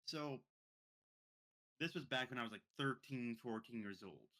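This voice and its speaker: Young male podcast co-host, rambling storyteller, bright and crisp tone. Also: mid-range voice, a little slow. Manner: rambling, many repeated words and restarts. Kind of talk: casual storytelling.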